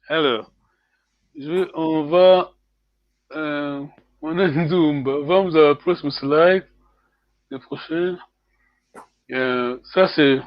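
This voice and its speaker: A man teaching a language class over a call, repeating words slowly and checking in with "hein" after nearly every phrase. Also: fairly high pitch, no room sound, lo-fi sound. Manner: switches between French and Portuguese.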